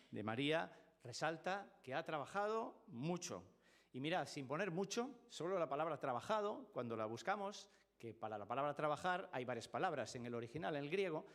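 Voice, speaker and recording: A man with a Spain Spanish accent preaching in a church, explaining a scripture text with frequent rhetorical questions. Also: mid-range voice. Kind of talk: expository sermon.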